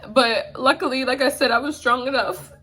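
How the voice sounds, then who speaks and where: A woman's voice: high voice, fairly even intonation, moderate pace, sharp tone. A woman in her twenties talking candidly in a casual vlog, with lots of fillers and swearing, emotional and near tears. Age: 20s. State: emotional, tearful at times. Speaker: vlogger.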